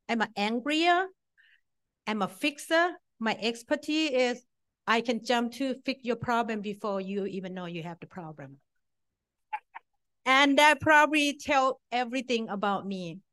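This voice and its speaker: Her pitch fairly high and a bit bright, a middle-aged woman from Thailand speaks with a Thai accent at a support-group meeting. She delivers a personal testimony that is blunt and self-deprecating, using short, punchy phrases.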